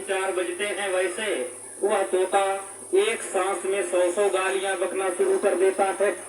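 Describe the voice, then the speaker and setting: A male preacher telling a devotional story in a drawn-out style, turning to address his listeners. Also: high voice. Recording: echoey hall, distant mic, background noise.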